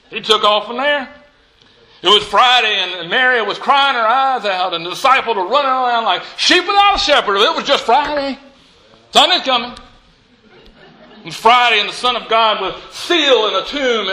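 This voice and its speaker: A male pastor delivering an Easter sermon in an unusually high voice. His tone is very bright and sharp, and he works a repeated refrain with emphatic, rising storytelling. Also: animated, normal speed, rough recording. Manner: storytelling preacher with a repeated call-and-response refrain; emphatic, building from soft to shouting.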